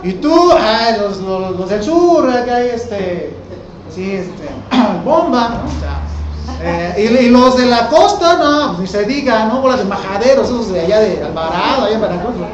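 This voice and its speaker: A man's voice: high voice, expressive, moderate pace, echoey room, lo-fi sound, a crowd in the background. A male teacher, giving a casual classroom lecture full of rhetorical questions to the class.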